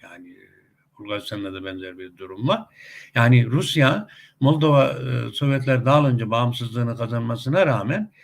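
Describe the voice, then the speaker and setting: A man's voice: medium pitch, normal speed, gravelly. A middle-aged man giving casual spoken commentary with anecdotes, talkative, with many hesitation sounds and emphatic rising outbursts. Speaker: commentator on a web TV channel.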